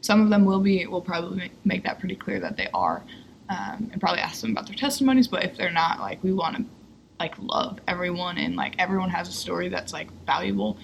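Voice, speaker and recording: Young adult, podcast co-host, lively pitch, gravelly, relaxed, lots of "like", faint hiss. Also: fast, dull audio. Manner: relaxed, filler-heavy, says "like" a lot. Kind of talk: casual podcast chat.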